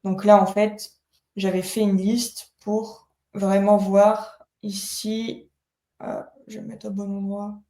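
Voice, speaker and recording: A woman giving a live webinar software demo, explaining step by step with many fillers and restarts. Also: medium pitch, level tone, slow pace, reverberant. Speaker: product co-founder demoing software in a webinar.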